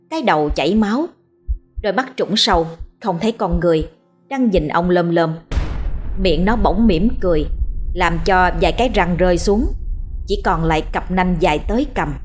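Woman, Southern Vietnamese accent, ghost-story narrator, lower voice. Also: normal speed, faint music behind. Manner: steady storytelling.

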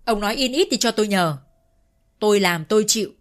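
A woman voicing a rude young man who shouts back defiantly at his family. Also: medium pitch, lively intonation, a little fast, lightly acted. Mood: defiant angry.

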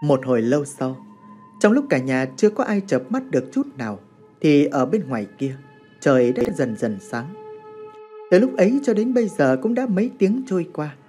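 Man narrating horror, high lively voice, mellow tone, faint music behind. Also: normal speed. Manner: dramatic expressive storytelling.

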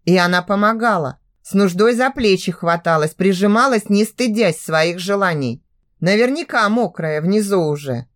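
Lady reading an audiobook, lively swooping pitch, sultry delivery. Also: moderate pace. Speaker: audiobook narrator. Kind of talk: first-person audiobook narration.

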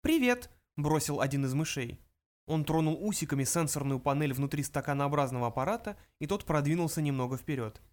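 A narrator reading a comic science-fiction audiobook at a middle pitch. The telling is even and measured, leaving the color to the character voices. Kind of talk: scripted narration.

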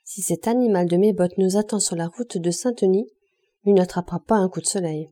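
A woman's voice: medium pitch, brisk, warm tone, close to an everyday voice. A woman voicing a working-class groom who mutters a wry joke.

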